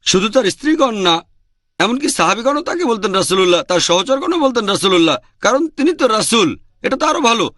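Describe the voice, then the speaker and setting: Lively high-voiced lecturer, a man. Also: brisk, no room sound, studio quality. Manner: emphatic, repeats points. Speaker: Islamic lecturer answering questions. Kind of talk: question and answer lecture.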